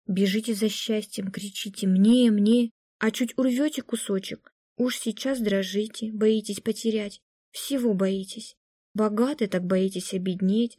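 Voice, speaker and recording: A woman reading an audiobook aloud, voicing a stubborn young woman who speaks in a flat, reluctant monotone. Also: medium pitch, no echo, clean studio sound, close to an everyday voice.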